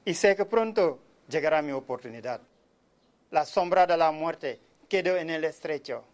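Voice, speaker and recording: A man from Senegal giving an earnest, measured monologue, often speaking quietly. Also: on the high side. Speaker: speaker telling of his migrant life. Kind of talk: reflective spoken monologue.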